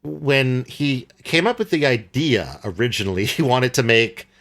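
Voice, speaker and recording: A young adult male podcast co-host, expressive and a little slow, talks casually about a film in a medium-pitched, somewhat bright voice. He meanders hesitantly, often breaking off to find words with fillers and restarts.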